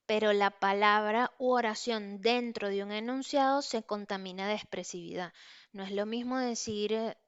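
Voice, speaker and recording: In an online lecture, a woman with a smooth, fairly high voice explains ideas step by step, using many fillers and checking in with her listeners as a teacher. The sound is lo-fi.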